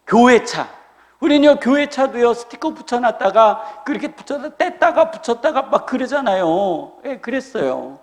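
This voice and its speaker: A man preaching a sermon as a pastor, lively and humorous, acting out the people he quotes. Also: very high-pitched, measured pace. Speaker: senior pastor. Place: church sanctuary. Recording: reverberant church hall.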